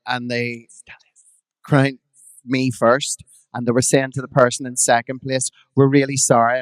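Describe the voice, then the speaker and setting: A man's voice: mid-range voice, dry recording. Belfast man telling bawdy stories. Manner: bawdy, animated anecdotes with quoted voices. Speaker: drag performer guest. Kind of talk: frank storytelling at a live podcast. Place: live venue before an audience.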